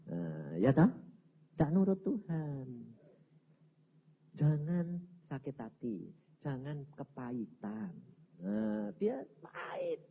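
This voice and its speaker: A male evangelist, preaching a sermon as a dramatic story and swinging from low murmurs to shouts. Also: gravelly. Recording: tinny lo-fi recording with faint background hiss.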